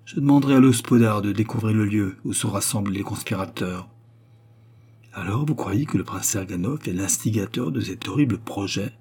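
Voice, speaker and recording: A man's voice: on the low side, normal speed, dark tone, slightly rough. A man voicing a young noble grand duchess, earnest and anxious, speaking with a raised, emotional voice. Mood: composed.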